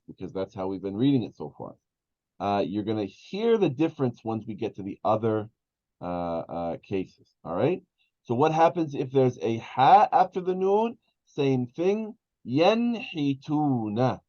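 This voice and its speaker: Male teacher, mellow tone, hesitant explanations, muffled lo-fi audio. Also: medium pitch. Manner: slow explanatory, many fillers and restarts. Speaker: Arabic teacher. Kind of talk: online class lesson. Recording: dull lo-fi sound.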